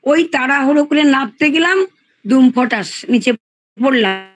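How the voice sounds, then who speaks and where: An older woman casually telling a lively childhood story on a video call, acting out the shouted quotes. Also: high-pitched, a little slow, poor audio. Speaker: participant in an elders' group chat.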